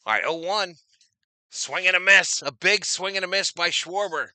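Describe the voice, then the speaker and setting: Male stream host calling baseball plays and greeting chat, tense bright tone, dead-dry mic. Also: sits high, normal speed, no room sound. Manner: chatty, reads out viewer names, loud on big plays. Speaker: streamer doing play-by-play. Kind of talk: casual live-stream baseball commentary.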